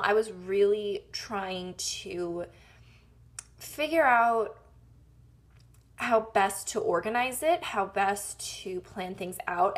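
A woman's voice: on the high side, fairly bright tone. A young woman from Wisconsin with a slight Wisconsin accent, chatting casually and rambling as she walks through her planner in a vlog. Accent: Wisconsin, slipping in at times. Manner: chatty and rambling, with frequent ums and laughs at herself. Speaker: YouTube vlogger.

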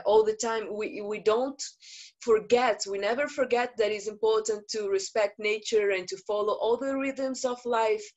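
She's a woman activist from Brazil, Portuguese her first language, speaking slowly in a mid-range voice. Her panel talk, given via video call in an indoor room, is earnest and measured, with many pauses and fillers.

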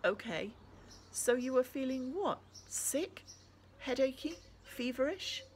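A woman reading the lines of a calm, patient adult woman who speaks softly and reassuringly. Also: high voice, slow pace, a little hiss or hum, voice pushed up.

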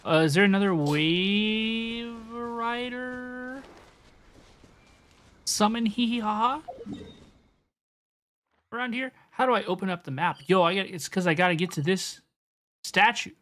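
With music playing behind her, a young woman streams a game and chats casually with viewers, often repeating her phrases. Her mid-range voice is a bit bright, and she speaks unhurriedly with long pauses.

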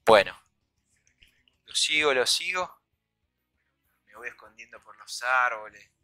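A young man with a Rioplatense Spanish accent telling a comic story, acting out quoted voices and shouts. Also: medium pitch, animated, slow, no room sound, faint music behind, low-quality recording. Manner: acts out quoted voices, shouts and sound effects. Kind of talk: animated comedic storytelling.

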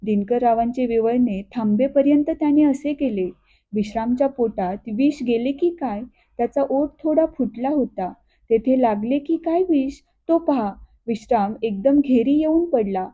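A woman reading a classic story aloud in a steady, expressive way. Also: fairly high pitch, unhurried. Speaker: narrator. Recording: thin phone-like audio.

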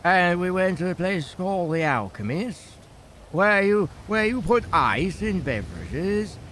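A lonely, doddery old British grandfather faked by a younger-sounding man in an online role-play game. He stammers, repeats himself and rambles in a slightly high voice. Some ambient vehicle noise sits behind him. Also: big pitch swings, measured pace, fairly bright tone, heavily acted. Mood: reminiscing.

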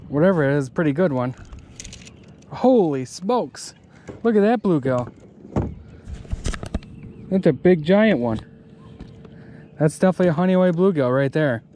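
Relaxed young man fishing from a kayak. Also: a little high, measured pace, pauses often, a little hiss or hum. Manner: relaxed, chatty, talks to viewers. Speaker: fishing vlogger. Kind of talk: casual narration while fishing. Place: kayak on a lake outdoors. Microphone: head-mounted action camera.

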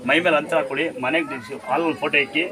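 A man's voice: fairly high pitch, steady tone, very fast. A man at a temple giving blessings and home remedies to devotees, commanding and repeating his instructions. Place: outdoor temple grounds among devotees. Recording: crowd noise around.

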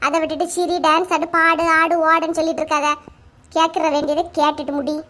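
A woman's voice: sits high, level tone, quick pace, pushed and bright. A woman doing a snappish, bossy village woman. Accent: Kanyakumari Tamil. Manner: scolding, snappish. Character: quick-tempered, blunt village woman. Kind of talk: animated comedy dialogue.

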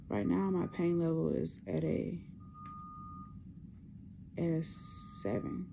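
A young woman chatting casually to camera, weak after surgery, with a hoarse, partly lost voice and a subdued, halting, effortful delivery. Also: fairly low pitch, mellow. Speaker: vlogger. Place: small hospital room, indoors. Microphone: phone at arm's length. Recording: noisy hospital room phone recording.

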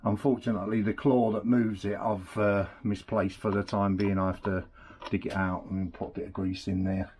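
A scooter mechanic with a lowish voice talks at normal speed while rebuilding a scooter at an indoor workbench, and some background noise is audible. He's relaxed and chatty, working with his hands as he goes, and the camera sits on the bench with him off to one side.

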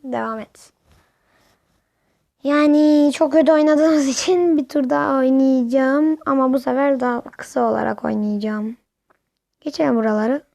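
A woman giving casual live commentary while playing a football video game, excitably shouting at the players and the referee. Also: high-pitched, normal speed, gravelly, no room sound. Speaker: gamer.

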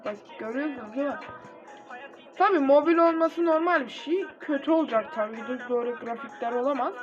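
A young man casually commenting on his mobile gameplay, excitable and quick to get frustrated, talking straight to his viewers. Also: very high voice. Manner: excitable, easily frustrated, talks to viewers directly. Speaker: gaming channel host. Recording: dull lo-fi recording with faint game music.

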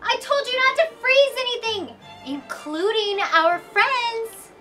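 Woman as flustered princess, high bright voice, lively pitch, stumbling self-corrections, music behind. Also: slow pace, heavily acted. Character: a princess stuck in her sister's body, flustered. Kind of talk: live-action play-acting.

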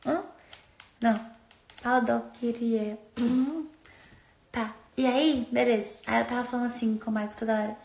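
A high-voiced woman talks into her phone in a loose, chatty way, drifting from story to story with playful asides. The room around her rings with a clear echo. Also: fairly even intonation, moderate pace, pauses often, darkish tone. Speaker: social media influencer. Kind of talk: casual phone stories chat. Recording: roomy echo.

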